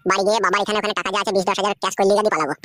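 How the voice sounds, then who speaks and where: A woman's voice: medium pitch, steady tone, rapid-fire, voice pushed down, natural voice. A woman voicing a young village man in a comic cartoon, muttering his boastful plans to run off with a girl. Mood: scheming. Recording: noisy homemade recording.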